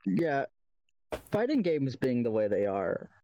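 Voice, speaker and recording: A man's voice: mid-range voice, wildly swooping pitch, slow pace, mellow, no room sound, muffled recording. A man on a casual group podcast, asking questions in a hedging, curious way. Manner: inquisitive, hedging. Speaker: podcast co-host.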